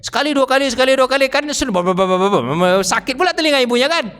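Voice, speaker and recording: A man's voice: very high voice, rapid-fire, fairly bright tone, clear, resonant tone. A man giving a casual religious study talk at a mosque, chatting with the congregation, asking them questions and acting out family dialogue. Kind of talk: casual sermon. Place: mosque hall. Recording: long reverb of a mosque hall.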